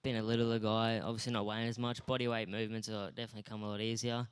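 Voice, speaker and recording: A man's voice: fairly low pitch, little pitch movement, racing, smooth. A young Australian man being interviewed on stage at a school awards night, talking in a modest, laid-back, rambling way. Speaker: guest athlete.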